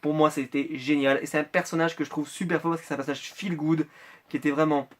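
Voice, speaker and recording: A man's voice: on the high side, level tone, fast. Chatty man rambling in an unboxing. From France. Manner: chatty, rambling with many hesitations. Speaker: Funko Pop collector vlogger. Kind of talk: casual unboxing vlog.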